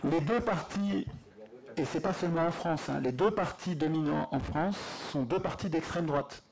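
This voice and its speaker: A man speaking at a public conference debate into a handheld mic in a lecture hall, animated and insistent. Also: fairly high pitch, moderate pace, creaky, a crowd in the background.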